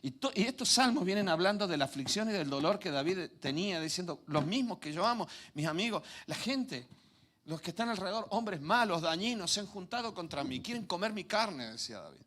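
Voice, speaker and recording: A man's voice: sits high, fairly quick. A man preaching a Sunday sermon, telling anecdotes and acting out quoted voices with laughs at his own stories. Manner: lively, acts out quoted voices, laughs at himself.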